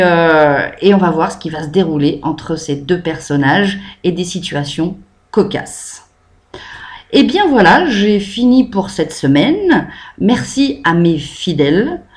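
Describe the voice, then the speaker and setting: A woman's voice: medium pitch, darkish tone. A French woman talks through a novel she liked, reviewing it off the cuff for her weekly video. Her speech is casual and improvised, dotted with hesitations and fillers as she gathers her thoughts. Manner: chatty, many "euh" fillers, improvised. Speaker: book reviewer. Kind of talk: improvised book review to camera.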